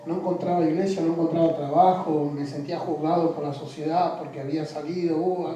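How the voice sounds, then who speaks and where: A man tells his personal story in an interview, his high, dark, mellow voice often stumbling over repeated words and sinking low. He sits away from the mic in a very echoey room, with faint music underneath. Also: steady tone, distant mic, a little hiss or hum. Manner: halting, repeats words, trails off quietly. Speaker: interview guest.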